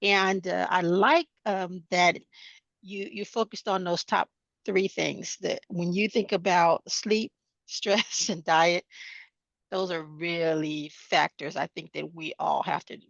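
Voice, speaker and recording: A woman on a video call who comments appreciatively and haltingly, with many fillers. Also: on the low side, steady tone, gravelly, a bit bright, no echo, muffled recording. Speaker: call participant.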